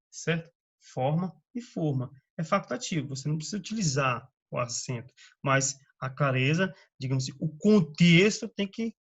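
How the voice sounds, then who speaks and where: A man from Brazil, slowly giving a grammar lesson and reading out word lists with frequent checks on the listener. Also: a little high, fairly bright tone, muffled recording. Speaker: teacher. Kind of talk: slow spoken grammar lesson.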